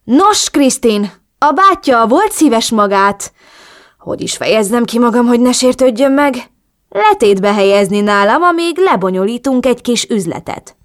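A woman's voice: medium pitch, fairly even intonation, hardly any pauses, a little mellow, lightly acted. A woman reading an audiobook voices a domineering male crime boss who speaks with dry, mocking politeness. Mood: ironic.

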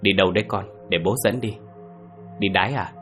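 A man voicing a frightened young village father who shouts and talks in a shaky voice, from a spoken ghost story. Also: fairly low pitch, fairly even intonation, fairly quick, faint music behind, close to an everyday voice. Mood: worried. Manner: shouting, then shaky and panicked.

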